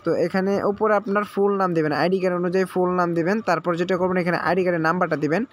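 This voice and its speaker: A man's voice: sits high, flat delivery, very fast, a little hiss or hum. A man walks viewers through an app sign-up step by step, checking in often and mixing English words into his speech. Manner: repetitive step-by-step instructions, frequent check-ins. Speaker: tutorial host. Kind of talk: screen-recorded app tutorial.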